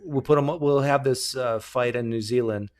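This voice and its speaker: A man's voice: medium pitch, steady tone, a little mellow, clear, resonant tone. Joking man hosting a hangout. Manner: joking, loose, drawn-out talker. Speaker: host of an open online hangout. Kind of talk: casual debate chat.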